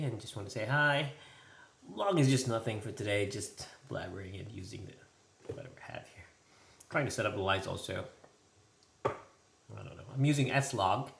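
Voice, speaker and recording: A man's voice: lowish voice, vocal fry, a bit bright. A man talking casually and hesitantly in an off-the-cuff vlog recorded indoors at home. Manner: hesitant, loose, off-the-cuff talk. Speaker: vlogger. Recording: echoey room, faint noise.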